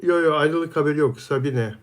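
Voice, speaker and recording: A man's voice: fairly high pitch, moderate pace. A man hosting a casual live stream, reading viewer comments aloud and answering each viewer by name in a friendly, chatty way.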